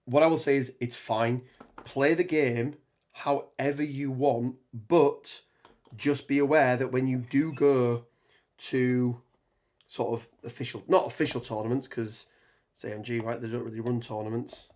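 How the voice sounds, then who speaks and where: Building terrain on a casual live stream, this tabletop gaming streamer has a cold-roughened, hoarse voice that stays steady, a little mellow and mid-pitched. He wanders in his talk, restarting lines, dropping plenty of ums and reading the chat out loud.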